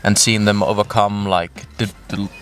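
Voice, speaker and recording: A man's voice: lowish voice, steady tone, normal speed, a bit bright, a little hiss or hum. A young man from Denmark, a native Danish speaker, chatting casually with a hesitant manner and many fillers. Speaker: volunteer. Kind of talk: casual group chat.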